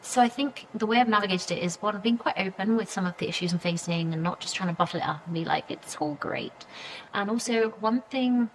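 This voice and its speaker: A woman in her thirties chats as a guest on an interview podcast, at an ordinary middle pitch. She rambles warmly through fillers and restarts. She also slips into little acted-out quotes of what she and others said. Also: brisk, few pauses, a little hiss or hum, poor audio. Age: 30s. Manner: chatty, many fillers, acts out quoted reactions. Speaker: PR agency founder, podcast guest. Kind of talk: casual interview conversation.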